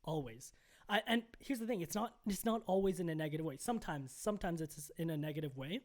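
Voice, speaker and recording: A young man co-hosting a podcast, telling a story in casual chat, animated and full of "like" and "bro". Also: fairly high pitch, fast talker. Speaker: podcast co-host.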